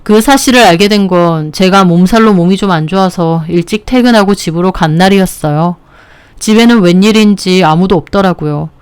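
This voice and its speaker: A woman narrating a first-person story in a calm, steady storytelling manner. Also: medium pitch, clean tone.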